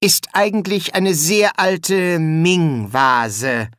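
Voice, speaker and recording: A narrator voicing a nervous, fussy male wizard bursar in an audiobook, speaking slowly and hesitantly. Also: mid-range voice, fairly bright tone, clear, resonant tone, no room sound, clean studio sound, pitched above the performer's own voice. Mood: explaining.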